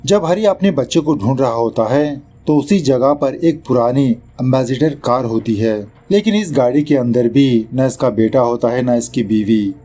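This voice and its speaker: Here a man explains a film in a relaxed voice-over at a moderate pace, hardly pausing, his mid-range voice mellow and lively. He drops English words into the telling and teases the film's director.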